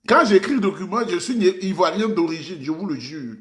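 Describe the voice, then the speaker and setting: A man's voice: high voice, expressive, normal speed. A man from Ivory Coast, giving impassioned political commentary and addressing his audience formally, repeating phrases for emphasis.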